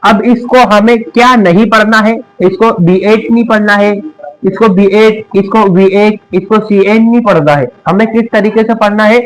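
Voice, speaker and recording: A man's voice: high-pitched, steady tone, normal speed, rough recording. A young man with a Hindi accent teaching a lesson, repeating each word as a question and then answering it. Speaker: English teacher.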